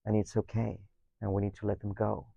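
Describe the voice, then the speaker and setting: A lowish, gravelly, dark and slightly rough voice belongs to a Mexican man in his thirties whose first language is Spanish and who has a Mexican accent. Talking reflectively as a guest, he delivers it completely flat and a little fast, often hesitating, repeating words and finishing with "no?". The lo-fi recording has no echo.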